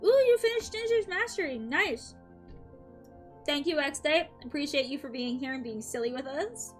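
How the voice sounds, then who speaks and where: Chatting with viewers between tarot readings, a young woman sounds upbeat and casual, using many "um"s and light laughs over soft background music. She has a high, expressive voice, talks at normal speed, and her throat is slightly dry.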